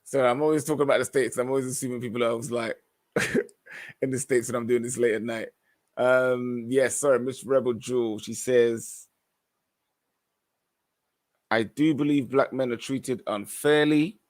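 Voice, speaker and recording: A man with a mid-pitched voice hosts a live podcast. He reads out comments from viewers and responds with his own commentary. His manner is earnest and opinionated, with some stumbling restarts as he reads. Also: steady tone, moderate pace, pauses often. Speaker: podcast host.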